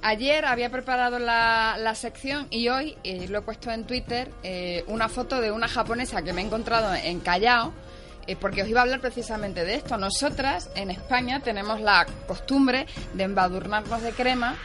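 A woman in her thirties with a somewhat high voice tells anecdotes in a chatty, animated way. She speaks from a radio studio, with faint music underneath. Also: moderate pace. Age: 30s. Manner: chatty, animated anecdote-telling with quoted dialogue. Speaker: section contributor on a radio show. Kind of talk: casual radio chat and storytelling.

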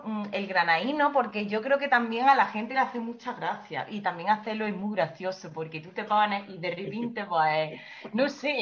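Lo-fi actress chatting casually. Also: female voice, medium pitch. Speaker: guest actress. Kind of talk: casual chat.

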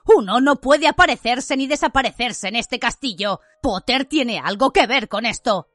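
A woman's voice: fairly high pitch, animated, normal speed, fairly bright tone, no echo, voice pushed up. A woman reading aloud voices a furious, spiteful male teacher who bellows accusations.

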